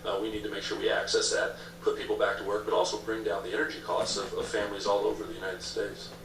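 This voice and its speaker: Fast-talking male political candidate, echoey recording. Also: lowish voice, monotone. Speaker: political candidate being interviewed. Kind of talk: political interview answers. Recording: echoey room, distant mic, noisy background.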